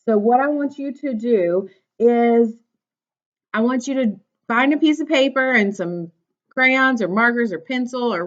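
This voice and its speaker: Reading a picture book to young kids, this woman teacher gives instructions and asks them prompting questions in a voice on the high side with a fairly bright tone. The audio is dull and lo-fi.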